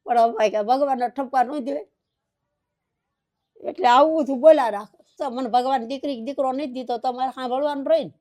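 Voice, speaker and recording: An older woman with a rural Saurashtra Gujarati accent weeps while recounting her story in an interview, saying again and again that she doesn't know what to do and asking "what can I do?" in grief. Her voice is high and darkish in tone, and she speaks briskly.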